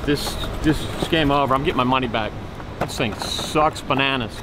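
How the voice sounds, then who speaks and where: A middle-aged vlog host chats casually, playfully joking at an action camera held at arm's length. He has a mid-range voice at normal speed, with a noisy background.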